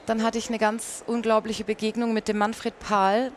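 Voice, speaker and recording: A woman's voice: a little high, level tone, normal speed, slight background noise. A woman, a painter and singer, talking as an interview guest, recounting her path in a reflective way. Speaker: guest, painter and mezzo-soprano. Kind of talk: conversational interview storytelling.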